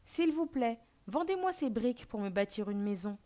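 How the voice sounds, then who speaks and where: A woman's voice: a little high, expressive, moderate pace, warm tone, natural voice. A woman voicing a small, polite male piglet in a storybook reading for learners, asking nicely and then refusing firmly. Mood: polite pleading.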